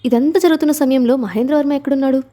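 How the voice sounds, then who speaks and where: A woman narrating a serialized novel in a dramatic, steady storytelling manner. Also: high voice, rapid-fire.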